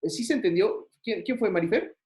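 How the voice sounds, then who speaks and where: A Mexican-accented man gives a university lecture in a loose, conversational way. His voice sits a little high for a man. He leans on fillers and keeps checking in with rhetorical questions. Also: a little fast, a little mellow. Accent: Mexican Spanish. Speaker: university teacher. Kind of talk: online class lecture.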